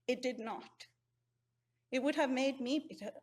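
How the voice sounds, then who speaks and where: A middle-aged woman from Sri Lanka, giving an earnest, heartfelt memorial eulogy at a measured pace. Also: high-pitched.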